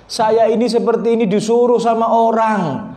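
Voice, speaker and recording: A man's voice: steady tone, normal speed, dark tone, natural voice. A man preaching in an echoey prayer room voices a tearful, repentant man who pleads. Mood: pleading. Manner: pleading, raised pitch.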